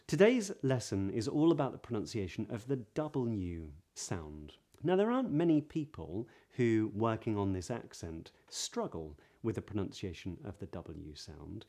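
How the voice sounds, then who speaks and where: A man's voice: lowish voice, mellow. A man with a Southern British accent, teaching pronunciation as a voice coach with careful, precise articulation. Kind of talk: pronunciation lesson.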